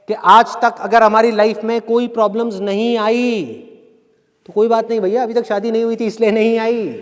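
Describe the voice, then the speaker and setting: A middle-aged man giving a live motivational talk, chatting with and teasing his audience. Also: extremely high pitch. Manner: conversational, teasing the audience, mock-scolding with acted quotes. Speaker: motivational speaker. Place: large hall with live audience. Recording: long hall reverb, faint crowd.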